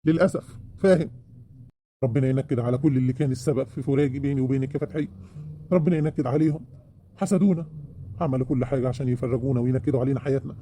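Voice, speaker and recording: A man's voice: mid-range voice, steady tone, very fast, mellow, slight background noise, natural voice. A man with an Egyptian accent playing a remorseful, self-pitying husband in an audio drama, pleading and wheedling. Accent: Egyptian Arabic.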